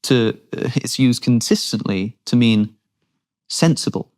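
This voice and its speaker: A man's voice: mid-range voice, measured pace, darkish tone. A man speaking as a guest in a long-form conversation, thinking aloud earnestly with frequent restarts.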